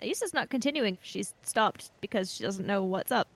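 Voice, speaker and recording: A woman's voice: medium pitch, animated, normal speed, a bit bright. A woman describing her character's actions in a tabletop game in a matter-of-fact way. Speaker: player.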